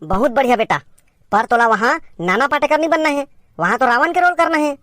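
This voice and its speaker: High-voiced Chhattisgarhi woman playing a bossy teacher. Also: a little fast, a bit bright, no echo, clean studio sound. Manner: bossy teacher tone, scolding and directing. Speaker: comedy sketch performer playing a teacher. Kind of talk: scripted comedy sketch in Chhattisgarhi.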